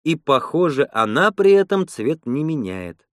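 Male reader as outspoken young woman colonist; raised pitch, teasing, dry close sound. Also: big pitch swings, unhurried, no echo. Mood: wry. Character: blunt, frank young woman space colonist. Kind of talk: audiobook character voice.

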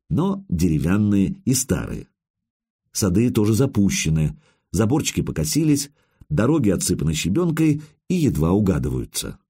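Male audiobook narrator, wry conversational telling, husky voice, lively intonation. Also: lowish voice. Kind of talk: first-person audiobook narration.

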